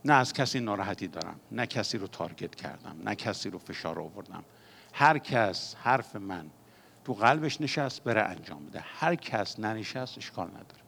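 A man preaching a sermon as pastor, moving between quiet confiding passages and loud, fervent exhortation. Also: lowish voice, animated, gravelly, a little hiss or hum.

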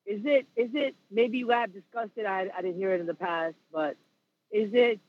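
High-voiced man calling in over the phone. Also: moderate pace. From Queens, New York. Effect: over a phone line. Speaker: radio call-in caller. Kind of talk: call-in radio question. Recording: dull phone-line sound.

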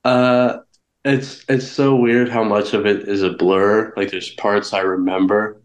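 Young male guest, low voice, candid and rambling, echoey room sound. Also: fairly even intonation, a little slow. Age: young adult. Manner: candid storytelling with many restarts. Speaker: guest wrestler. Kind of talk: casual interview.

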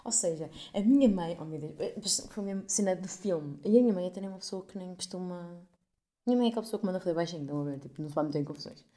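Her pitch fairly low and her words racing, a twenty-one-year-old podcast host with a European Portuguese accent recounts a story in an easygoing, animated style. Swearing comes freely, and she impersonates the people she quotes.

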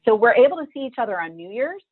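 A woman's voice: fairly high pitch, big pitch swings, fast, husky. Middle-aged woman over a tinny line. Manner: vivid, emotional storyteller who acts out her own past thoughts. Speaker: guest telling her life story. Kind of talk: personal storytelling.

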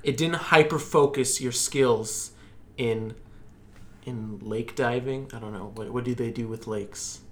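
A man's voice: medium pitch, measured pace, fairly bright tone. A young man co-hosting a podcast in casual chat, teasing his guest with playful questions. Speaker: podcast co-host.

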